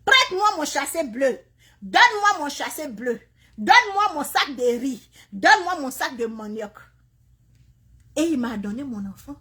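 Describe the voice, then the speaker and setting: A woman with a high-pitched, somewhat bright voice recounts how she migrated, addressing the camera of a phone video with great passion from Canada. She lectures fellow mothers, repeating pointed questions in a scolding, preachy manner.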